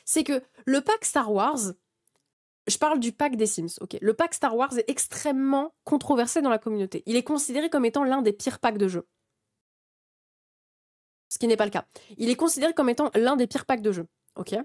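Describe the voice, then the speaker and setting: A young woman streamer with a slightly high voice, ranting to her chat in a casual way. She gets heated, swears a lot and often stumbles and restarts mid-sentence. She sounds close to a desk microphone. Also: normal speed, a little mellow. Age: 20s.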